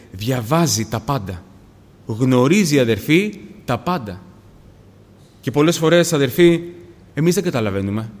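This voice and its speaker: Preaching man in a reverberant hall. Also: medium pitch. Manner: addresses the congregation as brothers again and again, rising to emphatic peaks. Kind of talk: sermon.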